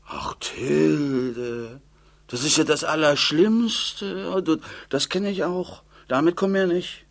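A man voicing a fretful, whining old mother with a high, plaintive, sighing voice. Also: slow, vocal fry.

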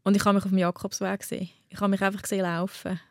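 Fast-talking Swiss German woman, dry sound. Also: mid-range voice, flat delivery, no echo. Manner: candid, restarts often, laughs while telling. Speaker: guest. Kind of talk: personal story in conversation.

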